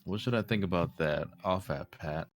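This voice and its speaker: A man's voice: deep voice, normal speed. A man chatting casually during an online game, joking and talking to himself as he types. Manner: animated, joking, talks to himself while typing.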